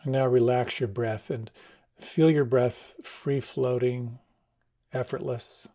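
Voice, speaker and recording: Gravelly, mellow-voiced male meditation guide. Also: mid-range voice, fairly even intonation. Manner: slow, soft, soothing instructions.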